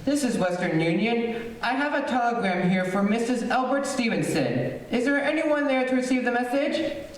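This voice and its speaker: A woman's voice: on the high side, animated, normal speed, natural voice. A woman playing a businesslike, impersonal telegraph clerk in an old-time radio play, reciting formally and evenly. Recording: very echoey hall, distant mic, faint noise.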